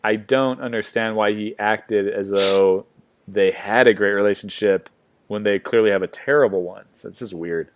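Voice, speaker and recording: A man's voice: fairly low pitch, normal speed. A man co-hosting a podcast in casual chat, joking around and slipping into mock voices to mimic people. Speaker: podcast co-host.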